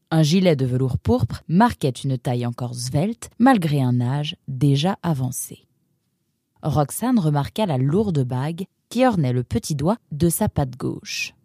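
A woman narrating a serialized audio story in a measured, even manner. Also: sits low, no echo, studio quality.

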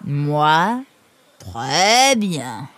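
A woman voicing a large male creature with big paws who drawls in a slow, laconic way. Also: low voice, sing-song, fairly bright tone, heavily acted.

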